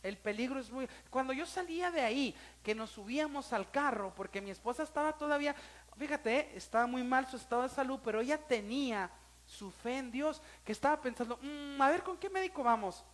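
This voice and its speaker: A man's voice: very high-pitched, brisk, fairly bright tone. A man with a Mexican Spanish accent, a pastor giving a sermon and telling a personal story, emotional and speaking straight to his listeners.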